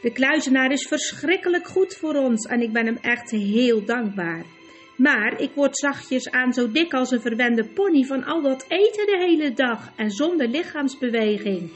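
A woman doing a gentle, frank talking mare. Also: sits high, lively intonation, normal speed, soft background music. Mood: plain.

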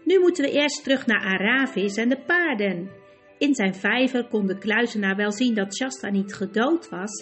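A woman narrating a chapter of a storybook in a calm, even way. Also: fairly high pitch. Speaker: audiobook narrator.

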